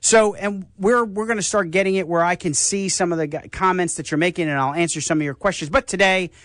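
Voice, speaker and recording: An older man with a New York accent, hosting a radio health talk show and telling stories in a casual, animated way. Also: high-pitched, brisk, no echo, clean studio sound. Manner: animated storyteller, acts out voices.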